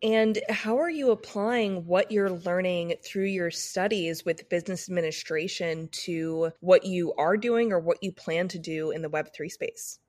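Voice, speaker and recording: A woman co-hosting a podcast, with a voice a little lower than most. She introduces the episode and puts questions to her guest in a clear, measured, carefully worded way. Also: a little mellow. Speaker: podcast co-host.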